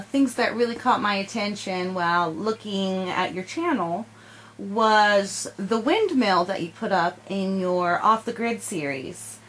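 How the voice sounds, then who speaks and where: A young woman student interviews a channel host in a home library with bookshelves and a fireplace, encouragingly summarizing his answers back to him and asking follow-up questions. Her voice is fairly high and a bit bright.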